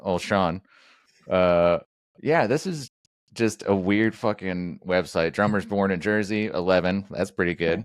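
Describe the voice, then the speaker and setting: A man's voice: sits low, unhurried, clear, resonant tone, dry recording, studio quality. A man hosting a podcast, chatting casually with lots of jokes, fillers and restarts. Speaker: podcast host. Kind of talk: casual interview chat.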